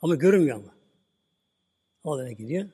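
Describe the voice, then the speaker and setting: A male preacher retelling a story at a relaxed pace and tagging lines with the same filler word as he goes. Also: fairly high pitch, quick pace, husky. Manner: relaxed retelling, "böyle" at line ends. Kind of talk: religious talk with storytelling. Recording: long hall reverb.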